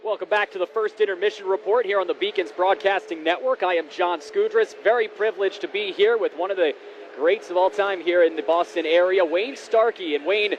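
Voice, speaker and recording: A man with a high-pitched voice presents live hockey coverage. His delivery is polished and formal, as an announcer and interviewer, with noticeable noise behind him. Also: dull audio. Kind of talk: live broadcast commentary and interview. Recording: noisy live rink broadcast.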